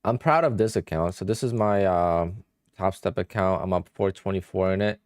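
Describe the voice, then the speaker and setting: A young man with a Polish-influenced English accent chats offhandedly on a livestream, thinking aloud as he trades and answers viewers' questions. His voice is low and his speed normal, captured in a dry, studio-quality recording.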